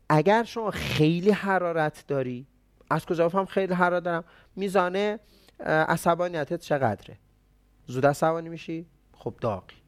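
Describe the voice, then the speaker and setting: A man with a somewhat high voice teaches traditional medicine in a relaxed, conversational way. He keeps asking his listeners questions and then answering them himself. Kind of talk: explanatory health talk.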